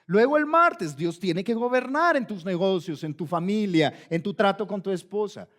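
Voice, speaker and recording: A man's voice: sits high, expressive, normal speed, a bit bright. A man preaching a sermon in a church, addressing listeners directly and driving points home with repeated commands. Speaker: pastor.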